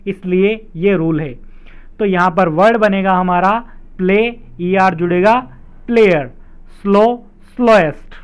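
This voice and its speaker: A man with a high, smooth voice teaches English spelling step by step, explaining the rules slowly and repeating them with examples. The recording has a dull, lo-fi sound.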